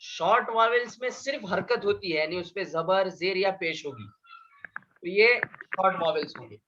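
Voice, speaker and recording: A man's voice: high-pitched, pushed and bright, lo-fi sound, a little hiss or hum. A man teaching a beginners' Arabic class, explaining patiently, repeating points and asking his students questions. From India. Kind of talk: beginner language lesson.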